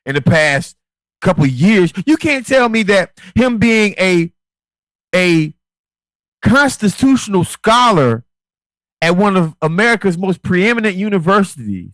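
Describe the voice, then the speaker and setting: High voiced guy going off on a rant, repeats himself a lot, dry sound. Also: very animated, unhurried, a bit bright, no room sound, poor audio. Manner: emphatic, repetitive ranting. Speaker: co-host. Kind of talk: casual political chat.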